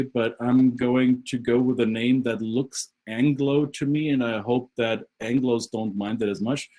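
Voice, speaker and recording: A man leading an online session as a guest speaker, talking quickly and often restarting his sentences over a video call. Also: medium pitch, warm tone, rough recording. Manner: brisk, halting with repeated restarts. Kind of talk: conversational talk on a video call.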